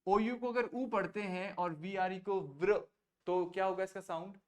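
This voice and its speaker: A man's voice: sits high, fairly even intonation. A man teaching a French class, explaining sounds patiently and mixing Hindi with English. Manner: explains slowly, mixing Hindi and English, coaxes students to repeat. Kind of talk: online class teaching pronunciation.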